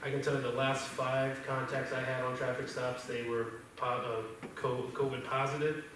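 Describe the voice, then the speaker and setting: A man, a deputy, giving his report at a council meeting in a monotone, with many ums and uhs. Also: mid-range voice, normal speed. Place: council chamber. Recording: echoey hall recorded from far off, noisy.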